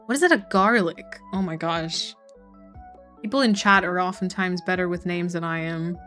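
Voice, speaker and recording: A woman's voice: fairly low pitch, normal speed, sharp tone, faint music behind. A young woman live-streaming, chatting casually and reading out viewers' messages, with lots of "like" and "um". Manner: chatty, reads chat messages aloud and answers them; frequent fillers like "like" and "um". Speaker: streamer chatting with her chat.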